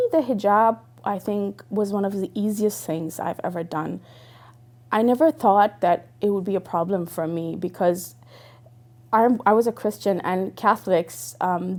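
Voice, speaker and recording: A young woman who grew up in Dubai gives a personal testimony as an interviewee, speaking earnestly and reflectively with lots of fillers and restarts. Her voice is medium in pitch and somewhat dark in tone, at a normal speed.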